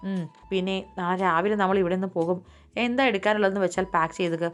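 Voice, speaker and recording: A dignified older matriarch , as a woman narrator puts her on, laying down the law in firm, commanding tones at an even middle pitch. Quiet music runs under this storybook reading. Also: quick pace, clean tone, lightly acted. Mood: stern.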